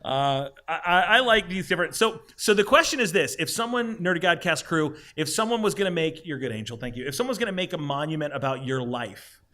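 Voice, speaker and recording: A man's voice: on the high side, lively intonation, fairly quick, few pauses, bright, forceful tone. A man hosting a live podcast among friends, joking around and quizzing the group with trivia. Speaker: podcast host. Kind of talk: casual group chat.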